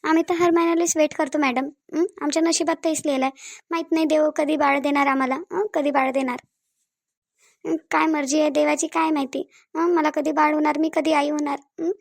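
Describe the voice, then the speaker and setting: A tearful young wife from a cartoon, voiced by a woman with a Varhadi Marathi accent. The voice is high and slightly gravelly, and the recording is dry. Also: little pitch movement, brisk, no room sound. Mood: sorrowful. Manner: tearful, pleading. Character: sorrowful young wife longing for a baby.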